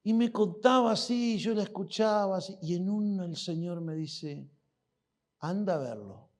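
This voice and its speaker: A man's voice: high-pitched, moderate pace, a little mellow. A man preaches a sermon to his church. He talks animatedly, acting out exchanges with God and turning to the congregation with questions. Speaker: pastor.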